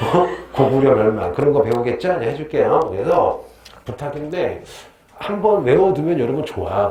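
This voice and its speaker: A middle-aged man lectures a history class, firing questions at his students and joking between them. His pitch swings widely in an animated way. The classroom sounds roomy, with a faint hiss behind him. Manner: quizzes students, jokes and laughs often. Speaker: history teacher.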